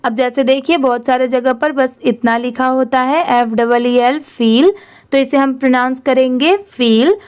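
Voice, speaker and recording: A woman's voice: high voice, measured pace, darkish tone, smooth. A young woman with an Indian accent teaching English reading, spelling out words letter by letter and asking and answering her own questions. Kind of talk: slow spelled-out reading lesson.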